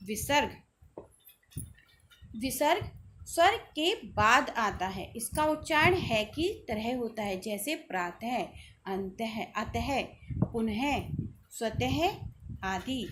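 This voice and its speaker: A woman's voice: high-pitched, a little hiss or hum. A woman teaching a school grammar lesson, explaining patiently, asking questions and answering them herself.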